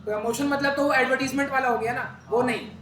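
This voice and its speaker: A man's voice: extremely high pitch, fairly even intonation, fast, fairly bright tone. A man teaching an accountancy class, talking conversationally, quizzing students and repeating key terms. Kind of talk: classroom lecture. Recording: echoey room with background noise.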